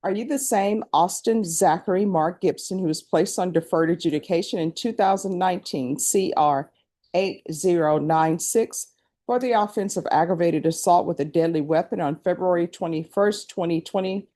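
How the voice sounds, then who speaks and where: A woman's voice: fairly low pitch, normal speed, mellow. An American woman speaking as a judge in a courtroom, putting formal procedural questions.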